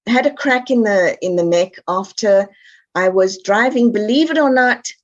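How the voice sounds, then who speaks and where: A woman's voice: medium pitch, animated, moderate pace, highs cut off. A woman from South Africa with a South African accent, speaking as an expert guest on a podcast in an emphatic, upbeat, direct way. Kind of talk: podcast interview.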